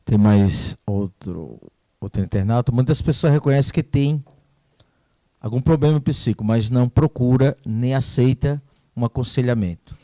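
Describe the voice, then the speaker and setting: A man hosts a live stream as a priest and reads viewers' questions aloud. He speaks in a measured way, with a mellow voice on a dry recording. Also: medium pitch, no echo.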